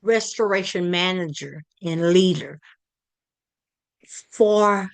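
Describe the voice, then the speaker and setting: A woman from Texas, giving a halting community presentation full of fillers and restarts. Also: lowish voice. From Palestine, Texas. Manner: hesitant, many fillers and restarts. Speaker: community project leader presenting.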